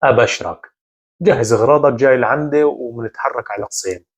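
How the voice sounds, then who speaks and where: A man's voice: mid-range voice, quick pace, slightly rough, close to an everyday voice. A man voicing an eager, broke young friend who talks breezily about a new job. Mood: upbeat.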